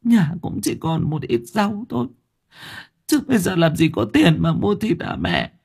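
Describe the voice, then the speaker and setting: A man's voice: on the high side, wildly swooping pitch, unhurried, vocal fry, darkish tone, slightly rough, voice pushed up, heavily acted. A man voicing a frightened middle-aged daughter-in-law who pleads anxiously and tearfully. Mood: pleading.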